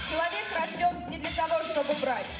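A female host with a high voice presents formally, like a ringmaster at a ceremony. She sounds distant in an echoey hall, with loud music underneath. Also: fairly quick. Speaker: contest host. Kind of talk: scripted ceremonial stage announcing. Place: large theatre stage, indoors.

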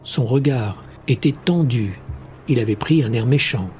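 A man narrating a first-person science fiction audiobook in a measured, steady reading. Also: mid-range voice, faint music behind.

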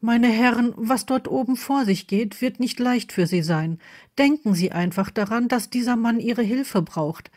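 A commanding older headmistress, as a woman reader puts her on, formal and urgent. Her voice sits noticeably higher than the narration. She speaks as a figure in a read-aloud story. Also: measured pace, a little mellow, lightly acted. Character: stern but kind older female headmistress.

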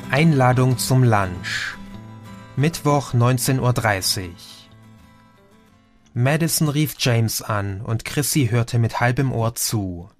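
A man reading an audiobook in a measured, even narration. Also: medium pitch, soft background music. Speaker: audiobook reader. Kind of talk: scripted narration.

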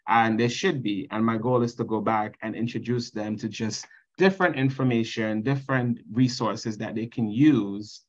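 A man's voice: on the low side, steady tone, normal speed, muffled recording. A man in his thirties from Trinidad and Tobago with a Trinidadian accent, earnestly presenting slides at a conference on a video call. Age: 30s. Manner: earnest, reads slide text then explains.

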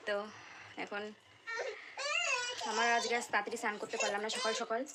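A woman's voice: medium pitch, level tone, measured pace, heavy background noise. A young woman with a Bengali accent, chatting casually in a home vlog, sounding tired and unwell. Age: young adult. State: feeling unwell. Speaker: vlogger. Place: home kitchen and courtyard.

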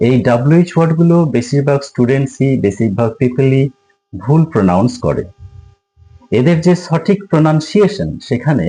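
A man's voice: mid-range voice, warm tone, a little hiss or hum, poor audio. A man giving an English pronunciation lesson, spelling words letter by letter and then repeating each sound. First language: Bengali. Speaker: English tutor. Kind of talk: spoken language lesson at a board.

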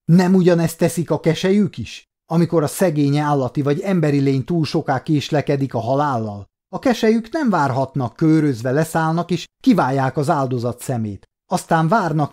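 A man voicing a savage human prisoner who speaks in aggressive, shouted outbursts, raised and breathless. His voice climbs higher and louder than plain narration, with a mellow, dark tone underneath. It is a storybook reading.

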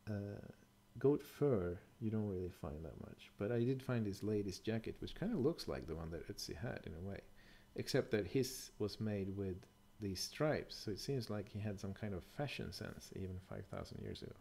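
A middle-aged man with a fairly low voice talks through a topic in a relaxed, explanatory way. His tone is mellow and unhurried, and he pauses to rethink or correct himself as he goes. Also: vocal fry. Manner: thoughtful, hesitant, with fillers and self-corrections. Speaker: bushcraft presenter. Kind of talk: casual explanatory voice-over over slides.

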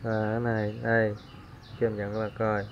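Guy doing a fishing how-to, counting out loud, pretty flat voice, dull camera audio. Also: fairly low pitch, fairly quick, slight background noise. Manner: relaxed, counting aloud while working. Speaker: fishing channel host. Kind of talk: casual hands-on tutorial.

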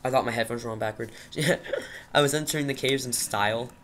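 Young male gaming host, nervous and rambling, bright tone, faint background noise. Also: medium pitch, a little fast. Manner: jittery, rambling, talks to himself. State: nervous, shaky. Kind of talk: Minecraft commentary.

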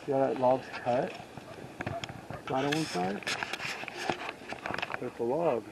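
A man's voice: medium pitch, slow pace, creaky. A man chatting casually while exploring old railroad tracks outdoors at night, musing aloud with curiosity. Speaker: urban explorer. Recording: loud outdoor noise, camera mic.

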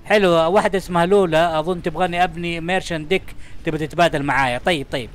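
A young man rattles through his let's-play commentary at a rapid clip. His voice sits a little high, and he keeps up an excitable, chatty patter, talking straight to the game and everything in it. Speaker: gaming channel host.

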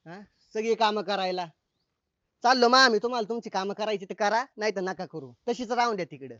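A man's voice: sits high, fast talker, no room sound, lo-fi sound. A man playing an argumentative son in a village comedy sketch. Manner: argumentative, talks back. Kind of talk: rural comedy sketch acting.

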